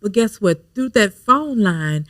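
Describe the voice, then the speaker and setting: A woman co-hosting a talk show, chatting with affirming remarks and lively exclamations. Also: mid-range voice, takes it slowly, no echo, clean studio sound. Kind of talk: casual talk show conversation.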